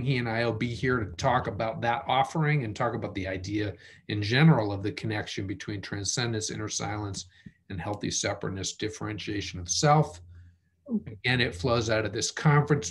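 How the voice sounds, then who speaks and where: A man's voice: lowish voice, a little hiss or hum. A man hosting an online program, talking casually and thinking aloud with restarts, over a video call. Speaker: host of an online family-studies program. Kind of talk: casual webinar talk.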